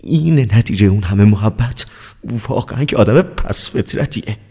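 A timid, anxious poet who stammers and hushes his words, pitched higher than the reader's own voice, as a man puts him on. The tone has a gravelly, husky rasp. It is close-miked and dry. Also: lively intonation, no echo. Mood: resentful.

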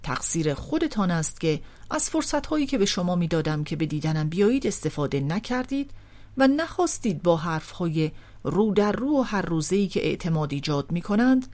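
A woman's voice: on the low side, a little mellow. A woman reading an audiobook voices a haughty, volatile older aristocratic man who swings theatrically between scolding and tenderness.

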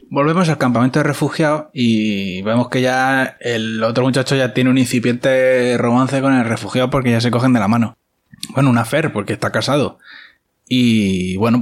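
A man speaks, recapping a TV episode in a relaxed, conversational way. His voice sits in an ordinary middle register. He keeps the tone wry and chatty and tosses in throwaway asides as he goes. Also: mid-range voice. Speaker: series recap host.

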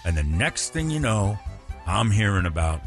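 A man's voice: on the low side, big pitch swings, moderate pace. A man playing a pompous, giggly, self-important boss in comedic radio banter. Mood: smug. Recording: music and crowd noise behind.

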